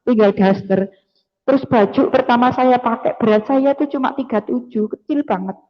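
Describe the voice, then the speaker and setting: A woman's voice: a little high, moderate pace. Woman telling a testimony in a big echoing hall, dull lo-fi sound. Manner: earnest storytelling, addresses listeners as brothers and sisters; slips into Javanese words. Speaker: testimony speaker. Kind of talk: testimony to a congregation. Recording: dull lo-fi audio with long reverb.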